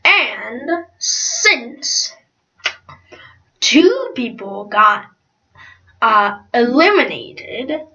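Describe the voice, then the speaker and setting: A woman's voice: a little high, sharp tone, full character voice. A woman voicing an eager young college student contestant who rambles with many fillers. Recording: dull lo-fi recording.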